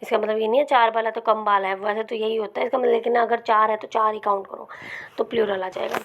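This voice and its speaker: A woman teaching English grammar to exam students, explaining patiently and checking in often, sometimes dropping to a soft murmur. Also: on the high side, steady tone, fast, muffled recording, a little hiss or hum. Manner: explains patiently with many repeated "ठीक है" checks. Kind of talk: Hindi-language grammar lesson with slides.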